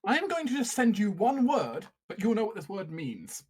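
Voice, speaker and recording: A man's voice: high voice, huge pitch swings, moderate pace, noisy background. A man running a tabletop game as game master, describing scenes and ruling on actions.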